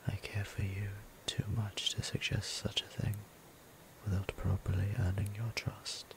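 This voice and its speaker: Unhurried and monotone, a man's lowish half-whisper brings a gentle, centuries-old vampire priest to life in an intimate ASMR roleplay. He speaks with formal courtesy and tenderness, softly awed, though the audio is poor.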